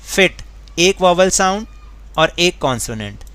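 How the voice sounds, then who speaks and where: A man's voice: high-pitched, expressive, pushed and bright, clean tone. Man patiently teaching English grammar. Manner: patient, repeats rules and spells words letter by letter; mixes Hindi with slowly read English sentences. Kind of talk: explaining English grammar worksheet in Hindi.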